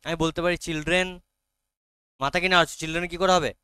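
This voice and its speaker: Bengali-accented male teacher, high clear voice. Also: steady tone, fast talker, pushed and bright, no echo, studio quality. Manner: frequent check-ins with students. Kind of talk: classroom grammar lesson. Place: classroom.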